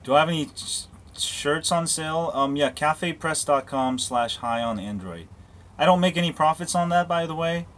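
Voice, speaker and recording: A tech live-streamer with a slightly high, somewhat bright voice talks at a moderate pace while holding his phone, answering viewer questions about phones and anything else that comes up. His casual chat rambles loosely, full of restarts and asides, and he sometimes wanders outdoors as he walks around.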